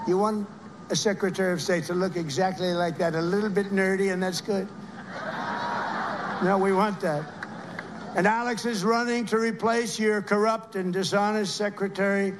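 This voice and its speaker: A man's voice: high voice, slight background noise. Rambling male rally speaker. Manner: rambling, repetitive praise. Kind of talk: rally speech.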